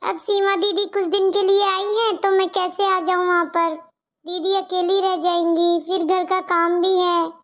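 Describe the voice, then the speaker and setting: A dutiful, caring young daughter-in-law, as a woman puts her on, earnest and a little pleading, very high voiced. The sound is dull and lo-fi. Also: little pitch movement, a little slow. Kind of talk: cartoon story voice acting. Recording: dull lo-fi audio.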